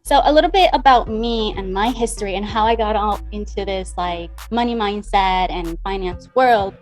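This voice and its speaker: A woman's voice: mid-range voice, normal speed, soft background music. A woman from the Dominican Republic, a money mindset coach, chatting as a guest in an interview, upbeat and talkative. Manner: upbeat, talkative, acts out past conversations. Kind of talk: conversational interview.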